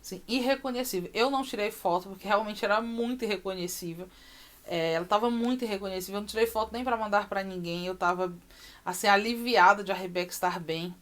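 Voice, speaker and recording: Woman, mother on a personal vlog, emotional and repetitive delivery, lots of pauses, mid-range voice. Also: mid-range voice, a bit bright. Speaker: mother recounting her daughter's surgery.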